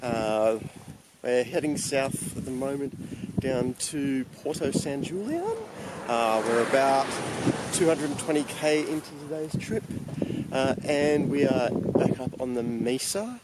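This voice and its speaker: Man vlogging outdoors in loud wind. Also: mid-range voice, takes it slowly. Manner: talking up over strong wind on an exposed windy hill. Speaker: motorcycle travel vlogger. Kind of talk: casual travel vlog chat. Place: outdoors on windswept open high plain.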